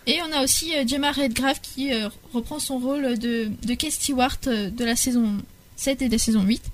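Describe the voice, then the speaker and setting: A woman's voice: sits high, steady tone, moderate pace. A young woman presenting a podcast segment in casual chat, hesitant, with many restarts and fillers. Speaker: podcast columnist.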